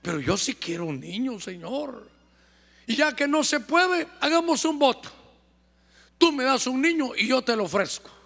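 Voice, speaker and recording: A man's voice: very high voice, expressive, normal speed, creaky, a bit bright, pitched above the performer's own voice, full character voice. A man with a Honduran accent voicing a childless woman who prays, bitter yet determined, her confession pleading. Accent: Honduran Spanish. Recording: long church hall reverb.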